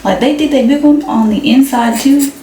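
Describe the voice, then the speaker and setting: A woman's voice: high-pitched, normal speed, warm tone, slight background noise. Chatty young woman vlogging in an echoey room. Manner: chatty, slangy, addresses viewers directly. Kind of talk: casual chat. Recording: echoey room, mic at a distance.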